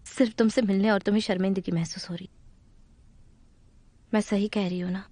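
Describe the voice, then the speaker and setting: A woman's voice: medium pitch, steady tone, brisk, warm tone, no echo, natural voice. A woman voicing a coaxing young woman. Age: young adult. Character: caring young woman urging money on a proud friend. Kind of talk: Hindi dub of a drama.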